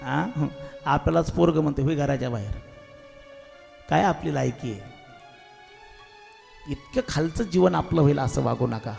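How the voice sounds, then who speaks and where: A man's voice: on the high side, normal speed, gravelly, pauses often, darkish tone, faint music behind. A man giving a devotional sermon as a preacher, earnestly exhorting his listeners while telling a sacred story. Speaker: kirtan preacher.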